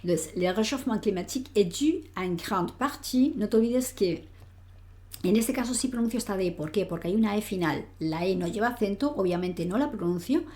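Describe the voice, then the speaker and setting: A woman's voice: medium pitch, animated, brisk, a little mellow. A woman teaching French grammar in Spanish, explaining patiently, reading French example sentences aloud and often checking in with the listener. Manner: patient, explanatory, frequent "¿vale?" check-ins. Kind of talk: online grammar lesson.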